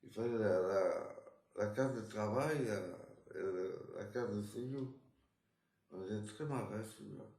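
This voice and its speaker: Man, spanish accent, gravelly low voice, rambling interview talk, echoey room. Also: unhurried, a little mellow. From Spain. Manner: rambling, with frequent restarts and tag words. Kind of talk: casual life-story interview. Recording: roomy echo.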